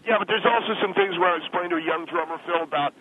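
A rock drummer calls in by telephone, his high voice fast over a noisy, narrow phone line. In this casual on-air chat he's laid-back but gets defensive, talking in slang and saying "man" and "dude."

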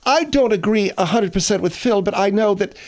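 A man's voice: high voice, animated, fairly quick, pitched above the performer's own voice. A man voicing a brash, opinionated woman co-host with a snippy, self-important manner in comic radio banter. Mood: self-assured.

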